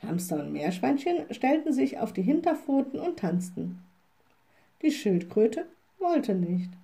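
A woman reading a children's story aloud in a slow, expressive storybook manner. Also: a little high, vocal fry.

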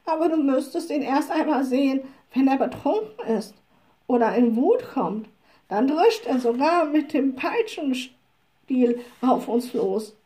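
Two weary, overworked cart horses in a children's storybook, pleading and anxious, as a woman reading aloud puts them on. The voice is raised well above her usual pitch, with a shifted, unfamiliar timbre. It still keeps a warm, mellow softness. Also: lively intonation, unhurried. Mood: complaining.

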